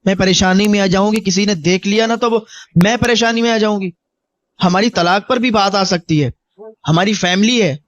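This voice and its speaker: A man's voice: high-pitched, dry recording, highs cut off, close to an everyday voice. A man voicing a frightened young married woman begging a caller on the phone to stop ringing. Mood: pleading. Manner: pleading, anxious.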